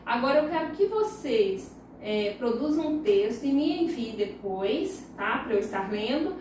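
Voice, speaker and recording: Speaking a little slowly in a sing-song way, this woman has a slightly high voice with a darkish tone. She's a primary school teacher with a Brazilian Portuguese accent, patiently sounding out words syllable by syllable in a recorded lesson for young children. A little hiss or hum sits under the audio, which comes from a very echoey room with her voice far from the mic.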